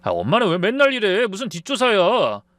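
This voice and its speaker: A man's voice: fairly high pitch, big pitch swings, moderate pace, no echo. A man voicing a defensive grown son in his thirties who snaps at his mother in a raised, irritated voice. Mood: angry.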